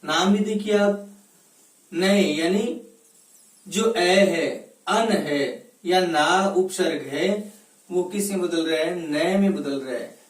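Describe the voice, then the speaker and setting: A woman's voice: lowish voice, slow, long pauses, far from the mic. A woman teacher giving a recorded grammar lesson, repeating each example word and answering her own questions. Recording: roomy echo, voice set back from the mic.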